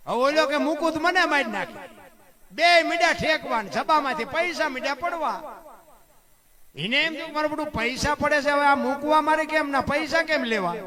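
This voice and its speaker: Male storyteller, high voice, live stage mic with a crowd behind him, preaching to listeners as "bapu". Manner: keeps addressing listeners as "bapu", asks rhetorical questions. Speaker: folk storyteller. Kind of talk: live folk tale telling with moral preaching. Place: stage before a seated audience. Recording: live audience crowd audible.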